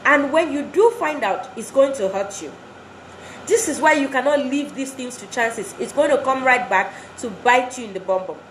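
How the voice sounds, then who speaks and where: A woman with a high, expressive voice speaks at a moderate pace, delivering an earnest motivational talk to wives in which she exhorts them and repeats phrases for emphasis. The recording has a roomy echo and faint background noise.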